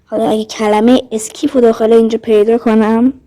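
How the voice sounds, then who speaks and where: High-pitched woman chatting over a game. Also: level tone, warm tone. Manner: chatty, thinks aloud, addresses viewers directly. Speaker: gaming vlogger. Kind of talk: casual game commentary.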